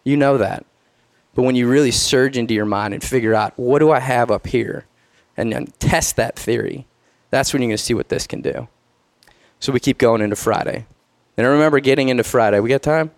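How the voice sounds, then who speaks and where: A man's voice: medium pitch, fairly quick, no echo. An earnest man, a former Navy SEAL, gives a motivational talk and tells his story with strong emphasis. He acts out what others said to him. His voice is recorded close and dry, with almost no room sound. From United States.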